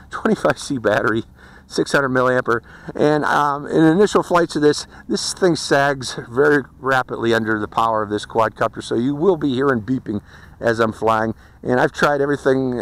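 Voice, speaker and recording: A man casually reviewing a small racing drone in a folksy, chatty way, with fillers and light laughs. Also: medium pitch. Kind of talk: casual product review and flight commentary. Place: outdoors during flight.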